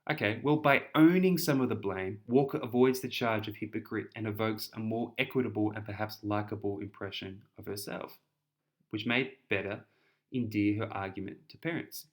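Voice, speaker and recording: A man's voice: fairly low pitch, normal speed. A young man with an Australian accent explains an essay in a chatty, casual tutoring style, often repeating words and restarting.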